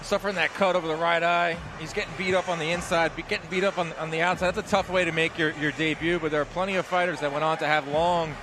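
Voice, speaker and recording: A man's voice: a little high, steady tone, fast, hardly any pauses, background noise. A man hosting a live boxing broadcast, giving play-by-play and recaps as a commentator. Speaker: play-by-play host.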